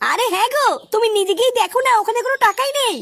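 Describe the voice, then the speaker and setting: A fretful cartoon grandma. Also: female voice, extremely high pitch, very fast, background noise. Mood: alarmed. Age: older. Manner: fretful, nagging. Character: worried, thrifty old grandmother.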